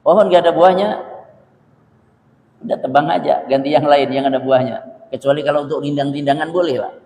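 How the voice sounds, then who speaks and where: High-voiced preacher in an echoey hall. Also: male voice, fairly quick, darkish tone. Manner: conversational, repeats phrases for emphasis, asks the audience questions. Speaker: Islamic preacher. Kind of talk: religious lecture.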